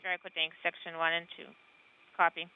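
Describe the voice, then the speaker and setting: A man relaying a spacecraft crew's radio calls as a live interpreter over a tinny space-to-ground radio link, halting with frequent pauses. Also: fairly high pitch, completely flat delivery, clear, resonant tone. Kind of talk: live spoken translation. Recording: tinny phone-like radio line with faint hiss.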